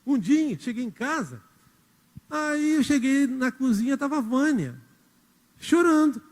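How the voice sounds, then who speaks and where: A man preaches in a church hall, his high voice rising and falling with lively storytelling. Long reverb from the hall trails each phrase as he speaks directly to the congregation. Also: a little slow. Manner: storytelling, acts out quotes, addresses the congregation directly. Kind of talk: sermon.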